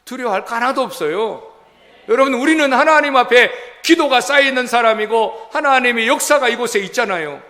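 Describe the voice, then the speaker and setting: A middle-aged male pastor preaching a sermon in a church, folksy and animated, acting out quotes from his congregation. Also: very high voice, brisk. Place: church sanctuary. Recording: long church hall reverb.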